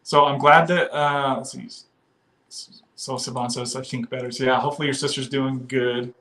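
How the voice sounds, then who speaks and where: This livestream host is a man from the western US who keeps things casual, rambling freely, laughing a lot and reading out viewer comments. He has a medium-pitched, bright, forceful voice with fairly even intonation, delivered at a moderate pace.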